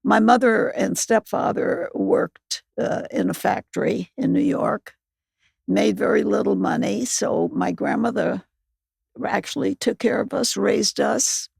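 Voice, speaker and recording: A very old woman in her nineties with a gravelly, husky voice, talking haltingly and plainly as an interview guest. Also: mid-range voice, a little mellow, dry recording, clean studio sound. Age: 90s. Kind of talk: reminiscing in conversation.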